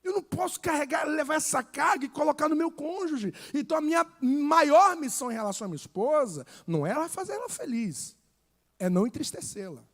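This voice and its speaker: A Brazilian pastor preaching a sermon, repeating phrases and swinging from hushed lines to shouted ones. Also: male voice, very high voice, sing-song, a little fast. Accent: Brazilian Portuguese.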